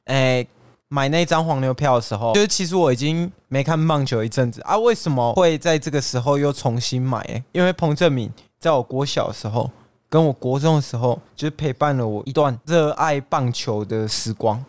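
Young man, Taiwanese Mandarin accent, smooth and clear, dry close recording, teasing podcast banter. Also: medium pitch, brisk, a little mellow, no echo. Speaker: podcast co-host. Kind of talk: casual chat.

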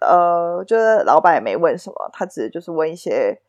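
A woman co-hosting a podcast, telling stories in a casual, animated way and laughing often. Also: lowish voice, fairly quick, dry recording, muffled recording. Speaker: podcast co-host. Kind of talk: casual chat.

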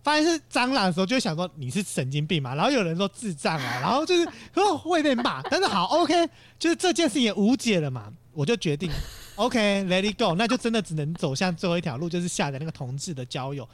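A man tells a story in casual conversation at a quick clip. His pitch swings widely as he acts out the people he quotes. The recording is dry and close. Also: sing-song, no echo. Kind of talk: casual chat.

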